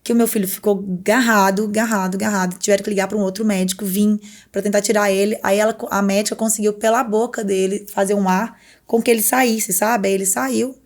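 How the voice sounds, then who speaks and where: A woman's voice: medium pitch, fairly quick. A woman, a podcast guest telling her story in a casual interview and acting out what others said. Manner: animated storyteller who acts out other people's words.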